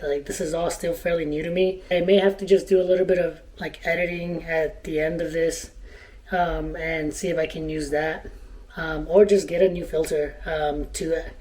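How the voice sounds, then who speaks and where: A woman's voice: on the low side, dark tone, a little hiss or hum. A woman chatting casually to camera as a vlogger, in a tentative, loosely rambling way. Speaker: running vlogger.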